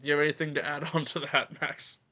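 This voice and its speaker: Bright-voiced young man on a sports podcast. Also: a little high, little pitch movement, fast. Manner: chatty, self-deprecating, rattles off stats. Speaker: podcast co-host. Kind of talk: casual sports podcast chat.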